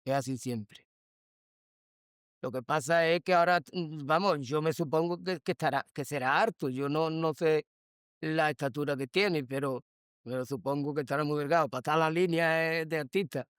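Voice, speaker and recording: A man with a smooth, somewhat high voice answers an interview question casually. The sound is dry and close. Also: a little fast, a bit bright, no echo.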